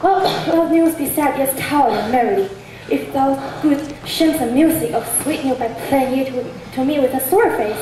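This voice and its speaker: A young woman plays an impatient young girl in love, pressing for news with eager pleading. Her voice is high. It sounds far from the mic in a very echoey hall, with music underneath. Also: moderate pace, dark tone, slight background noise, lightly acted. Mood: longing. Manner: eager, pleading stage delivery. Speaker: student actor. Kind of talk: stage play acting. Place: stage in a large hall.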